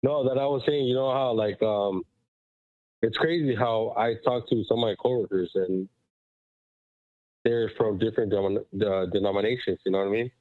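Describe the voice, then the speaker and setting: A man's voice: lowish voice, steady tone, normal speed, no room sound. Muffled man on a phone line, as through a wall. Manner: rambling, emphatic, full of fillers. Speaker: caller. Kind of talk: casual call-in chat. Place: walking outdoors while calling.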